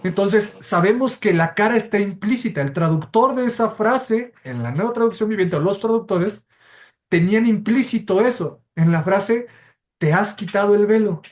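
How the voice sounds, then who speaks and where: A man's voice: sits high, expressive, moderate pace. A man with a Mexican Spanish accent teaching a church Bible study class, explaining step by step and correcting himself as he goes. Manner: explanatory, methodical, self-correcting.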